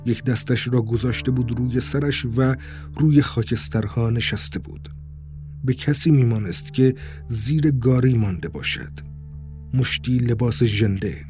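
A man narrating an audiobook in a calm, even storytelling manner. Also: mid-range voice. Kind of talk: scripted narration.

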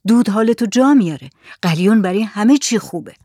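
A storyteller voicing a calm village man who speaks in a reassuring, matter-of-fact way. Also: high voice, no echo, studio quality. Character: calm, steady village man, helpful friend.

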